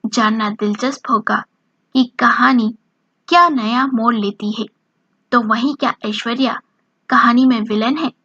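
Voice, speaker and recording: A woman narrating a romance story in a slow, even reading voice, lightly voicing the dialogue. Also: on the high side, dry recording. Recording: dull lo-fi dry recording.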